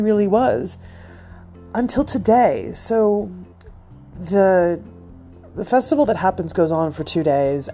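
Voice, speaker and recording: Woman podcaster, casual storyteller, rambling and self-mocking, slightly lowish voice, faint music underneath. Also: warm tone. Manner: rambling, self-deprecating, chatty. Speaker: podcast host.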